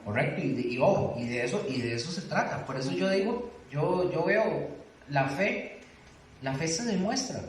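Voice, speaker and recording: A man's voice: a little high, lively intonation, moderate pace. A man teaching a church doctrine class, earnest and exhorting, often putting questions to his listeners. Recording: echoey room, distant mic, faint noise.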